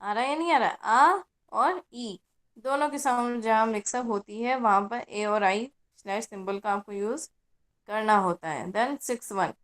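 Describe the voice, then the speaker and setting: A woman's voice: on the high side, fairly bright tone. A woman teacher giving an online class lecture, patiently explaining and checking in with her students.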